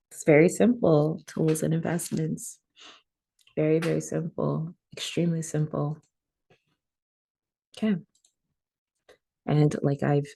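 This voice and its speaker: A young woman with a low voice and a gravelly edge leads a casual songwriting workshop. Her tone is dark and mellow, and she talks through her slides in an easygoing way, with lots of "um"s. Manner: relaxed, chatty, frequent fillers. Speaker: rapper hosting a songwriting workshop.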